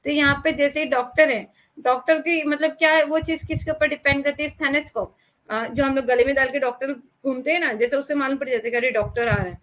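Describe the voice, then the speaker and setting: A woman's voice: sits high, fairly even intonation, a little fast, a bit bright, rough recording. A young woman teacher giving a chatty exam-prep lecture, mixing English terms into her explanations and asking her students questions.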